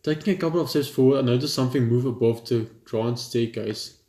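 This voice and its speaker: Warm in tone, brisk, and medium in pitch, a young man's voice reads out a visual novel for a let's play. His delivery is informal, with stumbles and offhand reactions, captured indoors at home with roomy echo and noticeable background noise.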